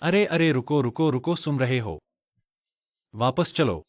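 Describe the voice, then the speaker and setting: Brief: actor playing a pompous male CEO who orders people around, lively swings in his voice, muffled dub. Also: medium pitch, unhurried, no room sound, lightly acted. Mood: demanding. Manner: pompous, demanding. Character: arrogant bossy male company CEO. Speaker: company boss. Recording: dull dubbed audio.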